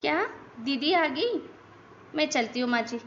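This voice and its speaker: A woman's voice: high-pitched, lively intonation, a little slow, a bit bright, muffled recording, slight background noise, heavily acted. A woman voicing a chatty young daughter-in-law in a cartoon, complaining about her in-laws. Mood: defensive. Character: gossipy young daughter-in-law, lazy and talkative. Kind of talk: cartoon voice acting.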